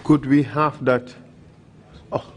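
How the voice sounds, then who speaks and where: A man questioning a witness at a formal hearing, speaking in a slow, measured, procedural way. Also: medium pitch, fairly even intonation, dull audio, a little hiss or hum.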